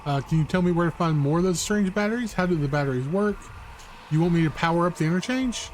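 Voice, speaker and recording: A man with a slightly high voice gives casual, wry commentary as he plays. He thinks aloud and reads in-game notes. Faint game ambience sits behind him. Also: lively intonation, fast talker, a little hiss or hum. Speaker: gaming streamer. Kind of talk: casual let's-play commentary.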